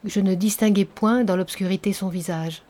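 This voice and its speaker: In this audiobook clip, a female narrator reads from a novel with calm, steady storytelling at a medium pitch.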